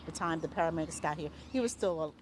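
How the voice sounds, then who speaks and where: A woman's voice: sits low, slight background noise. Shaken woman recounting what she saw. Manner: shaken, halting, repeats words. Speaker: neighbor interviewed. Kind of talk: emotional eyewitness account. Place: outdoors near her home.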